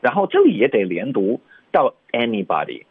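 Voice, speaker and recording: A man teaching English pronunciation in Mandarin on the radio, slowly modeling English phrases again and again. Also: medium pitch, wildly swooping pitch, husky, no room sound. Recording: dry, phone-like narrow radio sound.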